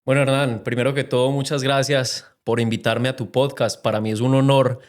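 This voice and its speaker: A man's voice: medium pitch, flat delivery, a little fast. A young man with a Medellín Colombian accent, a podcast guest who talks about his life in an earnest, reflective way. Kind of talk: casual interview chat.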